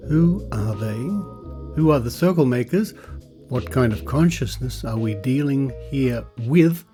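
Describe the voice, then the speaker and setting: An Australian man with a warm, mid-range voice hosts a podcast, chatting casually and reading aloud with a wry, skeptical edge.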